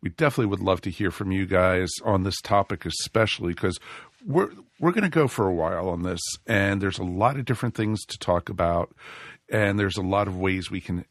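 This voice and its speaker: A man with a deep voice hosts a casual live podcast, talking a little fast and sounding slightly scratchy from a cold. He rambles with lots of fillers and restarts. The recording is studio quality with no echo.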